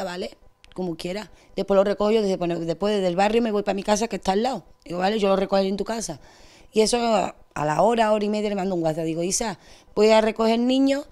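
A young woman with an Andalusian accent, giving a distressed, rushed account as an interviewee. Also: medium pitch, mellow, smooth. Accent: Andalusian Spanish. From Spain. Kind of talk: emotional testimony.

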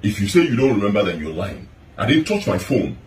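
A middle-aged husband with a Nigerian accent and a big voice presses his point in a heated argument at home, repeating his questions, in a couple's split-screen video shot on a phone camera. His voice is on the low side and darkish, with big pitch swings and a quick pace. The recording is echoey and distant, with a little hiss or hum.

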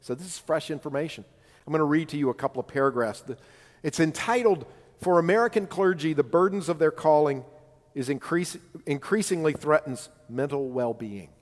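A man's voice: fairly high pitch, a little fast. A male pastor giving a sermon in a conversational, personal way, often asking his congregation "right?". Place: church sanctuary. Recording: long church hall reverb.

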